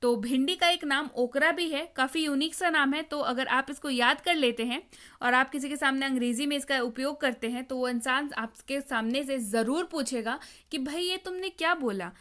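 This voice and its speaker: A woman's voice: sits high, fairly even intonation, moderate pace, sharp tone. A woman teaching vocabulary in a video lesson, explaining patiently, repeating words and quizzing the viewer. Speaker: English teacher.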